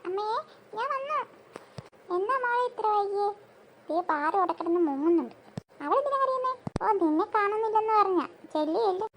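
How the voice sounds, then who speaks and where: A woman's voice: extremely high pitch, animated, brisk, a little hiss or hum. A performer voicing every role in a family cartoon, switching voices between two sisters, their mother and a friend. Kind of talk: cartoon voice acting.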